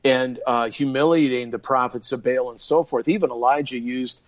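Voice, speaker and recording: A man's voice: medium pitch, fairly even intonation, moderate pace. An older man talking in an earnest, preacherly way in a casual podcast conversation, often restarting his sentences. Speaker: guest minister. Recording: dull lo-fi sound.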